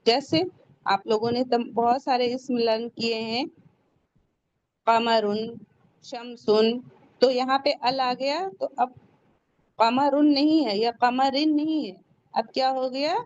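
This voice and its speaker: A woman teaching a tajweed class. She explains each rule step by step, asks questions and answers them herself, and slows down to pronounce the Arabic words carefully. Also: on the high side, fairly even intonation, a little mellow, no echo, dull audio. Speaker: Quran recitation teacher. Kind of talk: tajweed lesson.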